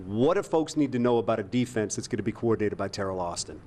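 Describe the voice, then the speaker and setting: A man's voice: lowish voice, expressive, fast, mellow, a little hiss or hum. A man hosting a TV sports broadcast from a golf event, asking upbeat leading questions. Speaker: TV sports host. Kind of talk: broadcast interview.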